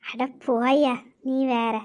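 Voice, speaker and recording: A woman voicing a fond, teary old grandmother who dotes on her grandchildren and scolds them gently. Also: fairly high pitch, little pitch movement, drawn-out words. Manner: affectionate, shy, scolding. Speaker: grandmother character. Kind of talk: web drama voice acting.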